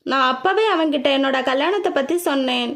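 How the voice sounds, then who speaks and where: A woman voicing a calm, confident young man about to be married in an audiobook. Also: brisk, vocal fry. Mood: self-assured. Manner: calm, deep-voiced and self-assured.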